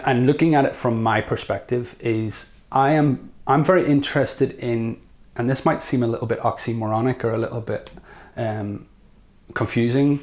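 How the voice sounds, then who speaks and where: Reflective Northern Irish man, mid-pitched. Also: darkish tone. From Northern Ireland. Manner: thoughtful, reflective, with frequent ums and restatements. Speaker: guest academic. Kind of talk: conversational interview.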